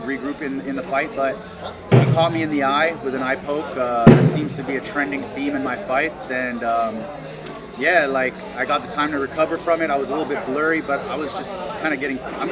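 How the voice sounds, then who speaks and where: A man giving a casual post-fight interview as a fighter, confident and slangy, with halting, repeated words. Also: medium pitch. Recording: loud crowd chatter behind. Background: busy crowd talking nearby.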